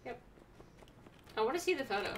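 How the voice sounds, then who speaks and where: A young woman with a slightly high, expressive voice streams a video game, tossing off blunt, sarcastic remarks and quick reactions in casual let's-play commentary. She sounds far from her desk mic or webcam, with slight background noise.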